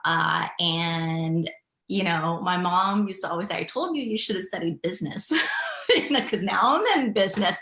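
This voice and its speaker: Low-voiced woman in an echoey room. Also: lively intonation, moderate pace, a bit bright. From Thailand. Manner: reflective, easy laughs. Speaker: guest, business founder. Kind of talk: casual interview answers.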